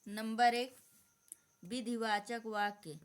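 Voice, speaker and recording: A woman's voice: fairly high pitch, steady tone, takes it slowly, clean tone. A woman teacher giving an exam-prep grammar lesson, dictating definitions and repeating them.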